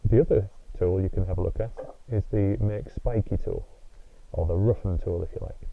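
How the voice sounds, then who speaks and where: A man narrating a software tutorial step by step in a patient, instructive way, heard through tinny, low-quality sound. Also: normal speed, creaky. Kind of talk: screen-recorded tutorial narration.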